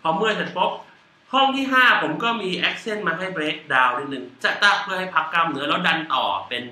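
A man's voice: fairly high pitch, sing-song, fairly quick. A man teaching drums in Thai, explaining each exercise patiently and counting in aloud as he plays. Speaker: drum teacher. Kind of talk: demonstrating drum exercises. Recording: roomy, distant mic with loud drumming.

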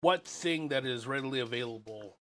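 A man co-hosting a podcast in casual chat, animated and joking, who swears freely. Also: medium pitch, fairly quick, a crowd in the background. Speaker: podcast co-host.

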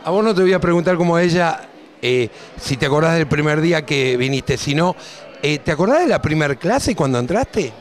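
A man's voice: on the high side, animated, normal speed. A middle-aged man with an Argentine accent hosting a local TV interview, prompting guests with friendly questions into a handheld mic. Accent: Argentine Spanish.

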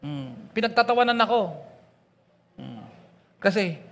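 A man preaching a sermon with a Pangasinan accent, mixing English into his talk, swinging between loud and soft and often calling out "Amen?" and "Praise God.". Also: high voice, big pitch swings, measured pace, long reverb tail. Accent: Pangasinan Tagalog. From Pangasinan, Philippines. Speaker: pastor. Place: church.

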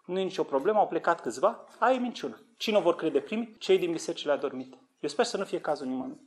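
A man preaching a sermon, urgently exhorting his listeners with rhetorical questions and swinging from low earnest tones to high fervent outbursts. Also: lively intonation. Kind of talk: sermon on end-times prophecy.

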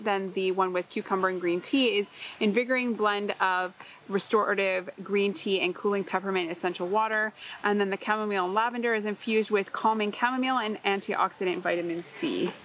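A woman's voice: medium pitch, fairly bright tone, slight background noise, rough recording. A woman in a large warehouse store, chatting casually as she reads product labels aloud for a shopping vlog. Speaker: shopping vlogger.

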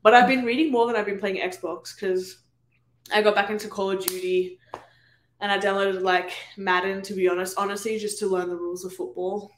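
A woman's voice: medium pitch, little pitch movement, brisk. A young woman with an Australian accent, co-hosting a casual podcast chat, talking in a rambling way with lots of fillers and restarts. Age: young adult. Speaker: podcast co-host.

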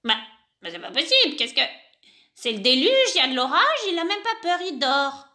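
A woman's voice: sits high, sing-song, a little fast, sharp tone, exaggerated voice. A woman voicing a grumpy, lonely old witch who sighs and mutters to herself. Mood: grumbling. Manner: grumbling, sighing, muttering "non, non, non".

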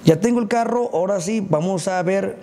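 Speaking at a moderate pace, this man has a high-pitched yet dark-toned voice. He's a Mexican livestreamer and baker, casually greeting viewers on his stream with crude slang and combative rants.

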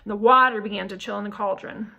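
Bright-voiced woman reading a novel aloud. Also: medium pitch, steady tone, vocal fry, low-quality recording. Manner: measured, careful reading. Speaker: audiobook reader.

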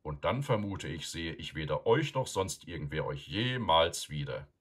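A man voicing an old male wizard who lectures loudly and sternly, with a deep, husky voice. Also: very animated, moderate pace. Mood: stern, lecturing. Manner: loud, admonishing, emphatic.

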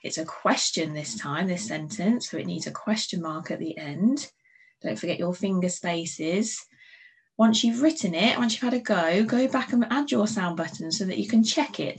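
An English woman, a primary school teacher, slowly sounding out letters and words in a recorded phonics lesson, giving patient, encouraging instructions to young children. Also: fairly low pitch, a little hiss or hum, rough recording. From England.

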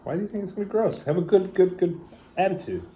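A man's voice: high voice, expressive, fast, mellow, a little hiss or hum. A father casually reviewing snacks with his child, reading the package blurbs aloud and teasing playfully.

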